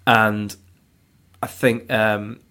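A man's voice: on the low side, flat delivery, extremely slow, sharp tone, smooth. A man chatting candidly on a podcast, rambling through memories with plenty of fillers. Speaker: podcast co-host, father of two. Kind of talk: casual podcast chat.

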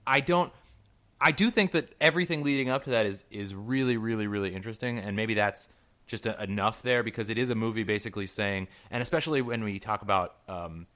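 A young man with a mid-range voice talks films in a loose, rambling way. He restarts often and his voice jumps up when he gets excited. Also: lowish voice, brisk. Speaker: podcast co-host. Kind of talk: casual chat.

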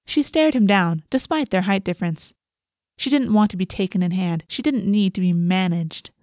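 A woman narrates a fantasy story in audiobook style. Her voice sits at a middle pitch and follows a written text, with a close, dry sound free of room echo. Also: moderate pace, a little mellow. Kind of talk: scripted fantasy fiction narration.

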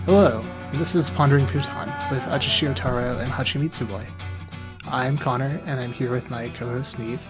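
A man's voice: medium pitch, brisk, over music. A man hosting a podcast in casual chat, dry and teasing, rambling with plenty of fillers. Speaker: podcast host.

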